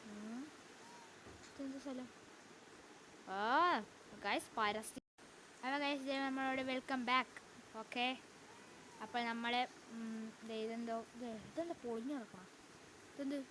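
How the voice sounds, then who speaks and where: A woman's voice: a little high, fairly even intonation, unhurried, long pauses, fairly bright tone, a little hiss or hum. A woman YouTuber giving chatty let's-play commentary, talking to her viewers and breaking into frightened outbursts. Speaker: gaming YouTuber.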